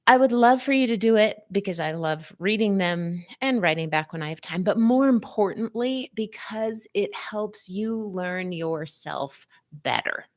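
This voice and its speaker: A woman hosting a live wellness stream, talking straight to her viewers with playful wordplay and a sing-song, chatty manner. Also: medium pitch.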